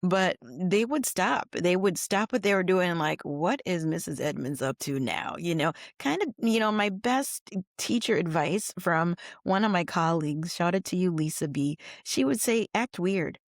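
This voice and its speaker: A woman's voice: lowish voice, moderate pace, hardly any pauses, no echo, studio quality. A middle-aged woman, an educator, chatting casually as an interview guest, telling stories with fillers and laughs. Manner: animated storytelling with laughs and fillers.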